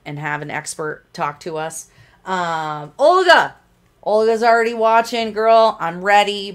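Chatty woman hosting a livestream. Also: fairly low pitch. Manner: chatty, greets viewers by name. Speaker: show host. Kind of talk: casual livestream chat. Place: small home studio with lights. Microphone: desk condenser mic.

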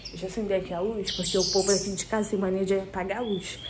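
A woman's voice: mid-range voice, steady tone, rapid-fire. A Brazilian woman in her twenties chatting casually to viewers in a vlog, her speech slightly lisped from wearing a removable retainer. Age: 20s. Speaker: vlogger. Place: small bedroom and tiled kitchen indoors. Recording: clear background room noise.

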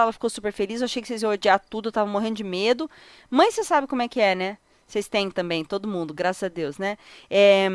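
A woman's voice: a little high, no room sound. A young Brazilian woman with a cold, chatting casually as she plays a life sim game and talks to her characters and viewers. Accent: Brazilian Portuguese. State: has a cold. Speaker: gaming video host. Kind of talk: casual let's-play commentary.

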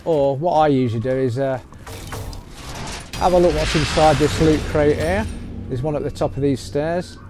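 A gaming channel host talks at a moderate pace in a fairly high voice, rambling through a gameplay walkthrough as he goes. The voice-over is recorded on gameplay capture, with game music loud behind it.

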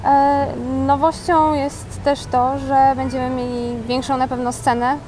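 A woman's voice: high voice, flat delivery, measured pace, a little mellow, slight background noise. Young woman, casual, filler-heavy answers. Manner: casual, starts sentences with fillers. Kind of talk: studio interview answers. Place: studio set in a shopping mall. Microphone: lapel.

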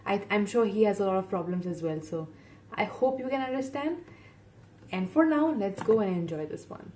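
A woman's voice: medium pitch, animated, normal speed, a little mellow. Giggly Indian woman chatting to camera. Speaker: reaction YouTuber. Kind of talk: casual chat to camera. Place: bedroom, indoors. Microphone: webcam at desk distance. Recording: slightly distant mic, faint room noise.

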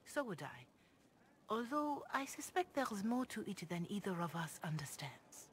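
A woman performs video game dialogue as a grave, devout, compassionate older Chantry mother, speaking formally, measuredly, and earnestly with a pleading mood. Her medium-pitched voice is slightly bright with a sing-song lilt. Background noise and ambience come through clearly in the recording.

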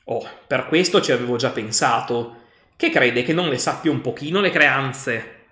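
A man's voice: mid-range voice, moderate pace, bright, forceful tone, natural voice. A man reading aloud as a simple, eager middle-aged country mother, speaking plainly and earnestly. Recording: roomy echo.

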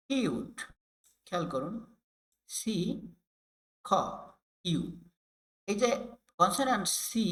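A teacher from Bangladesh leads an online phonics lesson for primary teachers. The voice is bright and forward at an ordinary pitch. The delivery is patient and explanatory, breaking words into single sounds and repeating each example several times. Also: low-quality recording. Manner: drills sounds slowly, letter by letter, with repeated examples. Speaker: English reading teacher.

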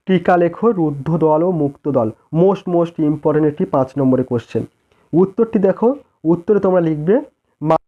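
A male teacher walks students through exam answers, dictating them point by point. His voice sits a little high yet sounds soft and mellow. The recording is dull and lo-fi. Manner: dictates model answers, mixes in English words. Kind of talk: exam-prep lesson.

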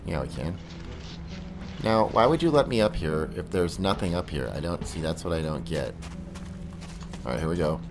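Animated man playing and commenting on games. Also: deep voice, normal speed, long pauses. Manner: profane, exclamatory, talks to game characters. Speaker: gaming let's player. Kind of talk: casual gameplay commentary. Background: video game music and sound effects.

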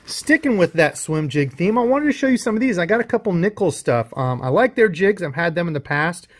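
A man with a high, animated voice hosts his own fishing channel, unboxing and comparing lures in a casual show-and-tell. He talks fairly quickly and chattily, explaining the gear as he handles it.

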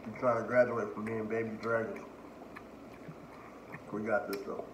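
A man's voice: fairly low pitch, flat delivery, moderate pace, recorded from a distance. A man, the vlogger's husband, chiming in briefly during a food challenge. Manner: brief, encouraging remarks. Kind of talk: casual chat. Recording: roomy with clear background noise.

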